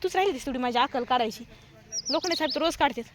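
Fast-talking high-voiced Marathwada vlogger woman. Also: expressive. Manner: teasing, scolding banter. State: tired from carrying a heavy bag. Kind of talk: casual vlog chat while walking. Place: outdoors on a road on market day. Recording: noisy outdoor street recording.

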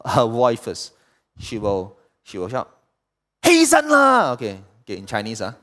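A man preaching a sermon, swinging between loud outbursts and quiet asides and putting questions to the congregation. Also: on the low side, steady tone, normal speed. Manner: asks the congregation rhetorical questions. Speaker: pastor.

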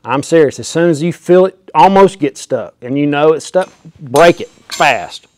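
This man's voice is fairly high yet darkish, expressive, and at a normal pace, with no room sound. He's a welding instructor in his forties giving a hands-on how-to in a small indoor workshop, folksy and emphatic, demonstrating as he goes on a lapel mic.

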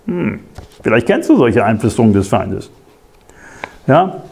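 German preacher with lively delivery. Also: male voice, medium pitch, normal speed, husky. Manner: conversational, addressing the listener with tag questions. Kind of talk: sermon.

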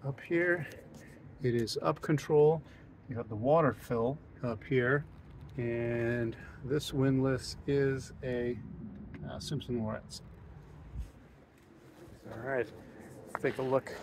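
Relaxed man giving a boat tour. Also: mid-range voice, slight background noise. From United States. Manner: relaxed, thinks aloud with frequent ums and uhs. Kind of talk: casual walkthrough narration. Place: aboard a docked sailboat, outdoors then in the cabin.

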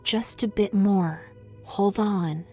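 A woman voicing a desperate young woman who leads a dark ritual, frantic and commanding. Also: mid-range voice, takes it slowly, faint music behind. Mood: urgent.

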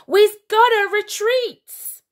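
A woman voicing a huge, panicky monster general who shouts slowly in broken grammar. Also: very high voice, steady tone, voice pushed up. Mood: bellowing. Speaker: teacher reading aloud.

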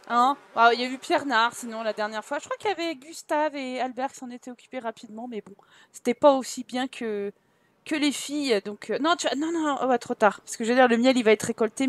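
A woman's voice: sits high, fairly bright tone, dry recording. A woman giving casual, teasing commentary while playing a life-simulation game. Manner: chatty, teasing, exclaims at the game. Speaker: gaming let's-play host.

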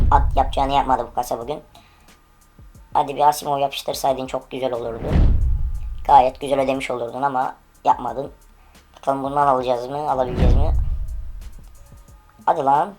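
A woman with a low, dark-pitched voice comments live on an online gaming stream. She is impatient and swears freely, pleading with the game for a good drop. Faint music plays quietly underneath. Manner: impatient, profane, urging the game aloud. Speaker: online case-opening streamer.

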